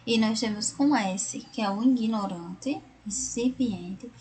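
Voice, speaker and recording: A woman's voice: a little high, slow, a little mellow, a little hiss or hum. A Brazilian woman teaching a recorded class, explaining word by word and often checking in with tag questions. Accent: Brazilian Portuguese.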